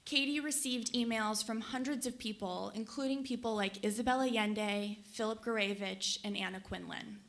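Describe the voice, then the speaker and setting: Her voice is a little high, with fairly even intonation and few pauses at a normal speed. She is a young adult editor of books from Colorado, USA, reading earnestly and enthusiastically from notes as she gives a prepared speech to a conference audience in a conference hall.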